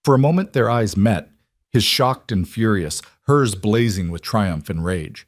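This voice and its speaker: Low-voiced man narrating a western tale. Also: expressive, measured pace, dry recording, clean studio sound. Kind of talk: scripted narration.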